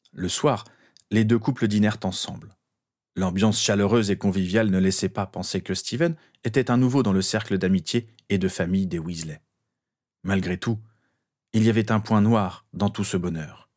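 A man narrating an audiobook in a steady, even reading voice. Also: fairly low pitch.

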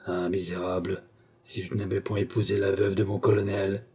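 A man's voice: sits low, level tone, normal speed, a little mellow, slightly rough. A man reading aloud, voicing an old former hussar servant who harshly and coldly takes revenge on his master. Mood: grim. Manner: harsh, commanding, contemptuous.

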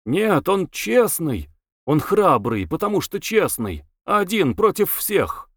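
A man reading aloud and voicing a stubborn, naive young man who speaks slowly and earnestly. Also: high voice, very animated, creaky, voice pushed up, heavily acted.

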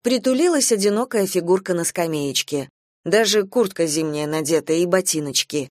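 A woman reading a warm, humorous short story aloud with lively, expressive narration. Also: fairly low pitch, moderate pace, no room sound, clean studio sound.

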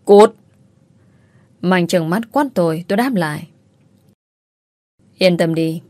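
A woman narrating a first-person audio story in a sorrowful, measured way. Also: lowish voice, darkish tone, no room sound.

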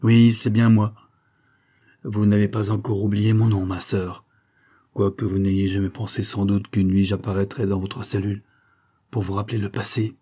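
A man's voice: fairly low pitch, flat delivery, moderate pace, dark tone, slightly rough. A man doing a bitter, insistent old prisoner. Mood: sombre. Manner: insistent, sombre and urgent.

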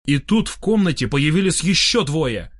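Male audiobook narrator, fairly high voice, expressive, dry close-miked sound. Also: normal speed, no room sound. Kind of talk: first-person audiobook narration.

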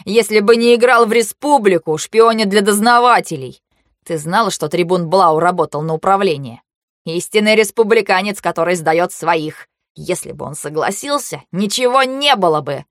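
A woman voicing a mocking, panicky young nobleman who swings from sneers to shrill outbursts, in a storybook reading. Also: normal speed, no echo, clean studio sound, lightly acted. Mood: taunting.

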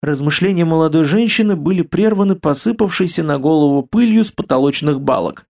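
A man narrating an audiobook in a steady, measured reading voice. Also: on the high side, vocal fry.

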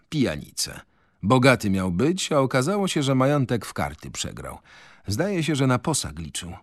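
A man narrating a novel on radio in a measured, expressive way. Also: on the low side, slightly rough, no echo, studio quality. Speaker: radio reader. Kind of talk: literary narration. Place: radio studio. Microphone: studio mic.

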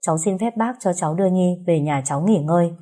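A woman voicing a calm, protective young man who speaks softly and reassuringly. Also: on the low side, quick pace, natural voice. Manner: soft, reassuring. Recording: roomy echo.

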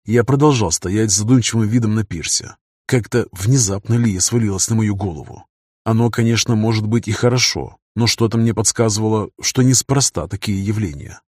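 A man narrating a first-person fantasy novel in a measured, cool manner. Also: lowish voice, darkish tone, breathy edge, no room sound, studio quality. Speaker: audiobook narrator.

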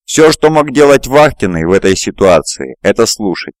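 Man, low voice, steady fantasy narration, dry close mic. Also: normal speed, no room sound. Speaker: audiobook narrator. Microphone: close mic, home recording.

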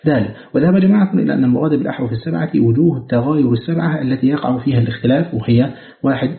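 A man reading a scholarly book aloud in a measured, formal way, slowing to chant the verses he quotes. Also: medium pitch, creaky. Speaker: audiobook reader. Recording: echoey, phone-like narrow sound.

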